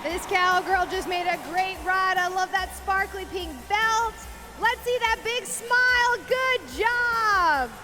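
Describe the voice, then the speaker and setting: A woman's voice: extremely high pitch, fairly even intonation, slow. A woman co-announcing a live children's rodeo event in a gushing, encouraging way. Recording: music behind live announcing.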